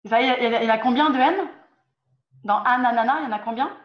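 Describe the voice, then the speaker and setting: A woman's voice: a little high, rapid-fire. A woman teaching an online group lesson over a video call, patiently quizzing her students and often repeating or restarting her phrases. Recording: roomy, dull lo-fi call audio.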